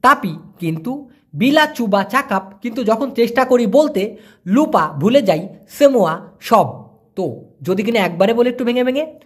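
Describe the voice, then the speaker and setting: Husky man teaching patiently. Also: very high-pitched, lively intonation. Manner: explains patiently, repeating foreign words slowly piece by piece. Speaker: language teacher. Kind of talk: casual spoken language lesson.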